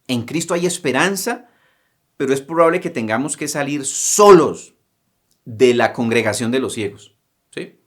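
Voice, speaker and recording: A man's voice: medium pitch, lively intonation, measured pace. Man giving a sermon as pastor, dramatic, throws in rhetorical questions and little "mm?" check-ins. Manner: dramatic, acts out cries and quotes in a raised voice; asks rhetorical questions, adds "¿mm?" and "¿sí?".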